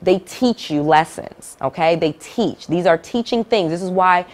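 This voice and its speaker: A woman's voice: fairly low pitch, unhurried. A middle-aged woman teaching real estate investing to camera, emphatic and direct, repeating key points and checking in with "all right?".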